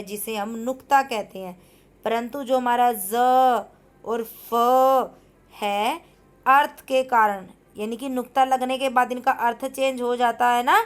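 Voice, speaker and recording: A woman teacher patiently explaining a school grammar exercise, repeating points and asking her pupils questions. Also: on the high side.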